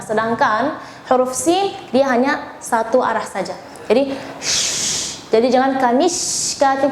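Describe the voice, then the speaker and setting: A woman's voice: high voice, a little mellow. Over-enunciating Indonesian woman teacher, echoey room. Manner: over-enunciates example sounds and words, slowly drawn out. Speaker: Quran recitation teacher. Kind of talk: spoken lesson with feedback and demonstrations. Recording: echoey room, faint background noise.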